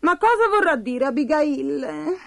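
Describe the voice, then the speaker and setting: Woman doing an eager, excitable young boy. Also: high-pitched, measured pace, gravelly, no room sound, voice pushed up, heavily acted. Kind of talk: storybook reading.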